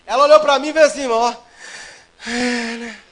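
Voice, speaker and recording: A man preaching a sermon, telling a personal story and swinging between loud and hushed delivery. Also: extremely high pitch, fairly even intonation, moderate pace, low-quality recording. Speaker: pastor.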